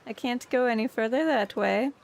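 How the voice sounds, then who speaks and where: A woman's voice: fairly high pitch, moderate pace, creaky, a little mellow. A woman streamer chatting casually while playing a story game, thinking aloud and choosing actions. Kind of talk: casual gameplay chat.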